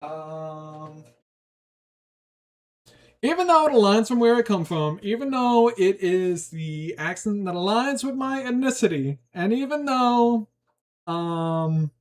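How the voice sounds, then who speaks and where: On a casual livestream, a young Long Island man with a New York accent chats and reacts to his viewers. His talk is rambling, animated and slangy, and his voice is high-pitched.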